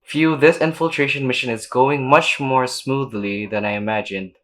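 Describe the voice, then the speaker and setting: With a rumbling low voice, a woman streams a game at a moderate pace and a steady tone, reacting in casual slang and reading the dialogue aloud. Faint game music plays in the background.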